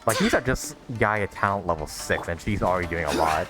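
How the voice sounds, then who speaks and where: A man with a low voice hosts a gaming video as a streamer, offering brisk, animated, playful let's play commentary and reacting aloud to the game. Game music plays in the background.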